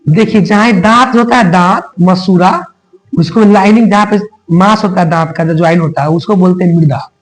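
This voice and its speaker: A man's voice: sits high, normal speed, low-quality recording. A man teaching a grammar lesson, sounding out letters one by one and quizzing his students with repeated questions.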